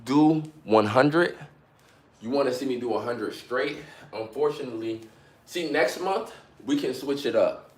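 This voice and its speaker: A man's voice: mid-range voice, a little slow, a little mellow. A man in his twenties live-streaming from home, chatting casually with his viewers between sets of push-ups in an upbeat, hyped, slangy, motivational way. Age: 20s. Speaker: livestreamer. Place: at home during a workout.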